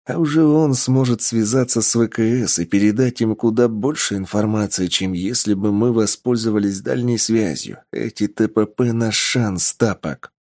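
A man putting on a cool-headed schemer in an audiobook, low-pitched and steady. He explains plans calmly and persuasively. The sound is dry and close. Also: normal speed, few pauses, no room sound, lightly acted.

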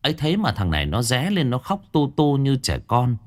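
A man narrating a story in a dramatic, expressive way. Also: medium pitch, moderate pace.

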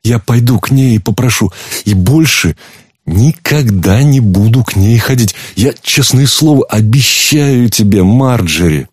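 A man's voice: mid-range voice, lively intonation, measured pace, breathy edge, no echo, clean studio sound, voice pushed up. A man voicing a panicky pleading husband. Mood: eager promise. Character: frightened pleading husband, man, weak-willed. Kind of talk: audiobook reading.

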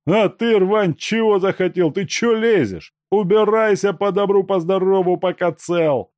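A man's voice: sits high, unhurried, a little mellow, no room sound, pitched above the performer's own voice. A man reading an audiobook, voicing a domineering male police officer who barks orders. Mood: barking. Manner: barking orders.

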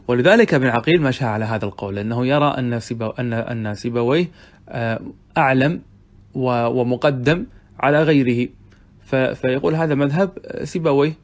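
A man teaching Arabic grammar, reading a classic text aloud and explaining it with questions to his students. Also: mid-range voice. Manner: reads passages aloud, then explains them with questions to students.

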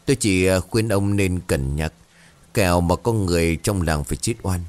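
A man's voice: low voice, moderate pace, a little mellow, close to an everyday voice. A man voicing a stern, grave middle-aged village shaman who speaks firmly.

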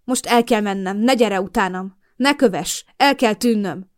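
A woman's voice: mid-range voice, lightly acted. Frantic tormented young man, as a woman reads him. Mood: desperate. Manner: frantic, repeating himself. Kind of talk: audiobook character voice.

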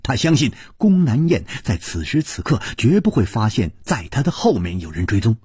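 A male storyteller reading a martial-arts novel aloud with a slow, highly expressive delivery that swings from whispers to high cries. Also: slightly rough, no room sound, studio quality.

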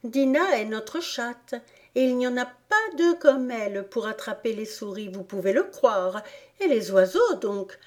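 A woman's voice: animated, a little slow, a little mellow. A woman voicing a polite, dreamy young girl in a storybook, eager and pleading. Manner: eager, pleading, higher than her narration.

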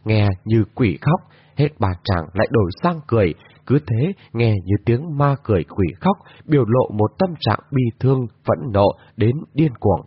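A man narrating a martial-arts fantasy story in a dramatic, expressive reading. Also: medium pitch, normal speed, slightly rough, no echo. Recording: dull lo-fi recording.

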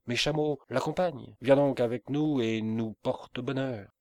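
A man's voice: mid-range voice, measured pace, a little mellow, no echo, lightly acted. A man voicing a grumbling robbed merchant. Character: grumbling male merchant, bitter over robbed goods.

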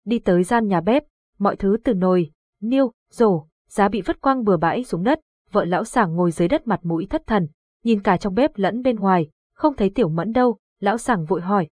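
A woman narrating a horror audiobook in a steady, even storytelling manner. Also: medium pitch, a little fast, husky, no echo, studio quality.

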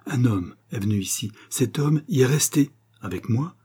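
A man's voice: medium pitch, animated, moderate pace, dark tone, breathy edge, pitched above the performer's own voice. A man reading an eager loyal manservant. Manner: earnest, cries out eagerly. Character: loyal devoted male servant, earnest and eager. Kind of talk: audiobook character reading.

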